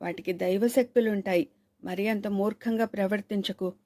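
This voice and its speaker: A woman's voice: medium pitch, fairly even intonation, moderate pace, mellow, lightly acted. A woman reading the lines of a cautious, uneasy learned man who scolds his companion in anxious tones in a storybook thriller.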